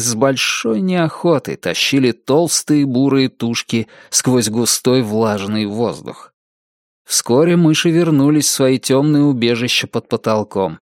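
Male audiobook narrator, unhurried measured reading, dry close sound. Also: medium pitch, dry recording. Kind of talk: scripted narration.

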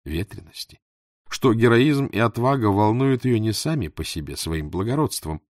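A man reading a first-person story aloud in an expressive, rueful storytelling manner. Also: fairly low pitch, no echo, studio quality. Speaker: audiobook narrator. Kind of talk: scripted first-person narration.

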